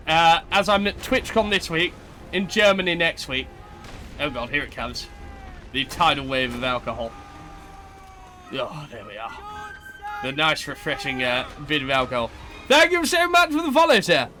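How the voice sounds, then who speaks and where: A man's voice: a little high, bright, forceful tone, a little hiss or hum. A man live streaming a game, chatting politely and reading out viewers' messages as he plays. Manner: chatty, polite, reads chat aloud. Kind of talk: casual gameplay chat with viewers.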